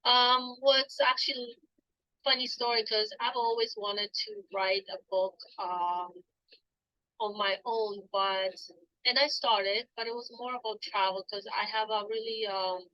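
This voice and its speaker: A woman's voice: a little high, fairly even intonation, a little slow, no room sound. A woman, answering interview questions as a guest coach, hesitant with many ums and restarts. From Poland. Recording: dull lo-fi dry sound.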